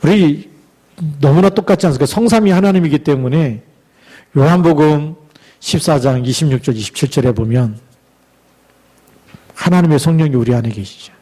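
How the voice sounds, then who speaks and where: Male pastor, middle-aged, fervent sermon voice that sits a bit high, slow scripture readings, asks the congregation questions. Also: dark tone. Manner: exhorting, with rhetorical questions to the congregation; reads scripture aloud with slow emphasis.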